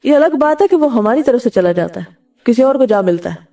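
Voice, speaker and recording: A woman's voice: fairly high pitch, expressive, fairly quick, warm tone, distant mic. A woman Islamic scholar, giving a sermon. She recites Arabic verses and explains them, often asking the audience questions and answering them herself.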